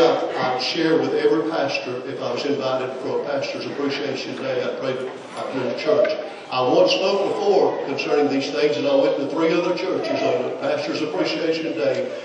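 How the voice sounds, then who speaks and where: A man's voice: medium pitch, background noise. A man preaching as a guest, building to emphatic preaching in a church sanctuary. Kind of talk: sermon. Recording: very echoey church from far off.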